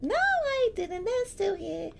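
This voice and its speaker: A woman voicing a bubbly, bossy young woman who teases loudly in a comedic gaming role-play. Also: sing-song, takes it slowly, gravelly, slight background noise, exaggerated voice. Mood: teasing. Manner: high, loud and teasing.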